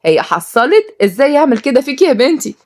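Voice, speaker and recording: A woman's voice: high-pitched, sing-song, fast talker, darkish tone, voice pushed up. A woman voicing a caring, coaxing older mother with an Egyptian accent. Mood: motherly. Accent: Egyptian Arabic.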